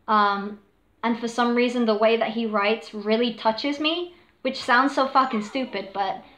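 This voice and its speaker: Woman streamer, slightly high voice, unhurried rambling chat with fillers and swearing, roomy echo. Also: a bit bright. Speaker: live streamer talking about cover singing. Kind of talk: casual chat. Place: home room with a dog.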